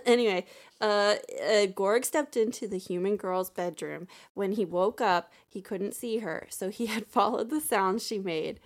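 A woman's voice: mid-range voice, unhurried. A woman co-hosting a comedy podcast, giggly and embarrassed, often breaking into laughter while reading. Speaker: podcast co-host. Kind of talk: casual comedic chat.

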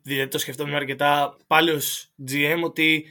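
A man chatting casually as a podcast co-host, thinking aloud with many pauses and fillers. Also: on the high side, little pitch movement, sharp tone. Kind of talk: casual basketball chat.

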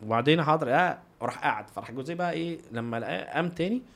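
A man's voice: a little high, animated, racing, creaky, fairly bright tone. A man with an Egyptian Arabic accent, telling anecdotes as a footballer guest in an interview, acting out bits of dialogue as he goes. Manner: acts out dialogue and sound effects. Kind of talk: animated anecdotal interview talk.

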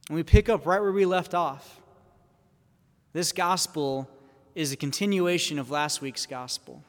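A priest preaches into a pulpit microphone, taking his time and leaving room between his phrases. His voice sits a little high for a man. His words hang in a long church reverb. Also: a bit bright. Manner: measured preaching, posing questions to the congregation. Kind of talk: Sunday homily.

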